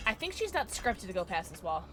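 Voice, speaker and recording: A woman livestreaming a game with a cute, high anime-girl voice, chatting with viewers in a playful, excitable, reactive way. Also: brisk, background noise. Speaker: livestream host playing a horror game. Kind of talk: casual livestream chat and game commentary.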